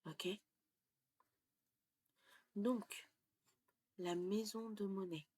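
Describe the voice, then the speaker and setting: A woman teaching French pronunciation, explaining slowly and dropping to a half-whisper as she writes things down. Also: mid-range voice, mellow, no room sound. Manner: slow and deliberate, often drops to a half-whisper while writing. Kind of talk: slow explanatory lesson while writing on a board.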